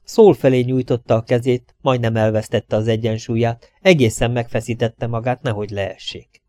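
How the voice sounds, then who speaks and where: A man reading a thriller aloud as an audiobook narrator, steady and even. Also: medium pitch, dry recording, studio quality. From Hungary. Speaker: audiobook reader.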